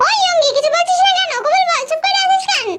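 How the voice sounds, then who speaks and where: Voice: extremely high pitch, quick pace, over loud music. A voice actor playing a bossy mother who scolds her silly daughter. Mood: scolding.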